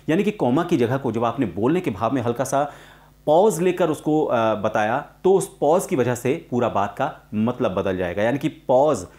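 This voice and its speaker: A man teaching a spoken lesson on voice-over, with slow, deliberate pauses and frequent "uh" fillers. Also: medium pitch, darkish tone.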